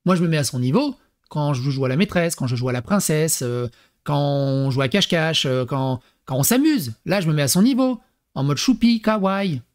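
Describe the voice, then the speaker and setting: A man commenting comically on a parenting text he reads aloud, with animated, crude talk and mock acting mixed in. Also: on the high side, moderate pace. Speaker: YouTube commentator.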